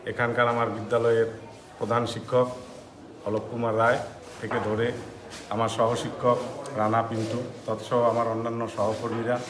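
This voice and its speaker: A middle-aged man, a schoolteacher, giving earnest, halting farewell remarks in short repeated phrases. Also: medium pitch. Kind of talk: impromptu farewell remarks to a reporter. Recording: echoey, noisy on-location recording.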